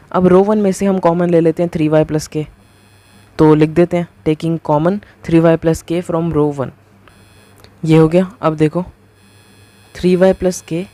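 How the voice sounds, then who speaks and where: A man giving a casual math lecture, talking through each step as he writes and keeps asking the viewer quick rhetorical questions. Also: on the high side, dark tone, no echo. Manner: talks through each step while writing. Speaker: math teacher.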